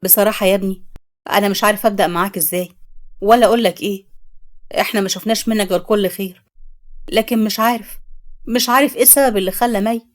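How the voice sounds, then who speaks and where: A stern middle-aged father with an Egyptian accent, grave and paternal, as a woman reading the story puts him on. He speaks briskly, in a voice pitched lower than the narrator's own. This is a spoken storybook. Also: fairly even intonation, lightly acted. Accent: Egyptian Arabic.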